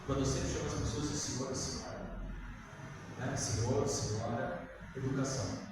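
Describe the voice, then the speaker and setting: A man's voice: mid-range voice, moderate pace, noisy background. An older man preaching a sermon in a Brazilian Portuguese accent, talking conversationally and putting questions to the congregation. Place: church hall. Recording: echoey hall, far from the mic.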